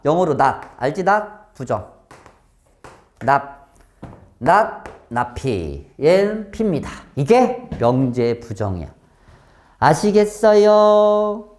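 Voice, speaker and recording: A man lecturing a class on math, his voice rising and falling in a lively, animated way. He explains in short bursts and keeps asking students whether they follow. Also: a little high. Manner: lively, questioning, keeps checking understanding. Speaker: math teacher.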